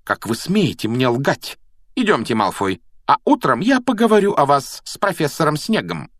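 A man voicing a strict older female professor who scolds with slow, emphatic force, recorded dry and close. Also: on the high side, very animated, a bit bright, no echo, voice pushed up. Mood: stern scolding.

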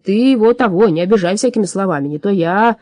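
A woman voicing a simple, blunt young male giant in an audiobook, speaking loudly and plainly. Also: medium pitch, expressive, fast talker, dry recording, studio quality, lightly acted. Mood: gruff. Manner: loud, blunt rustic speech. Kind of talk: audiobook character voice.

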